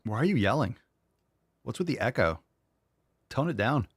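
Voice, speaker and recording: A man's voice: medium pitch, sing-song, normal speed, breathy edge, no room sound, clean studio sound. A man hosting a casual live commentary show, talking bluntly and profanely in a mocking way. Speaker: show host.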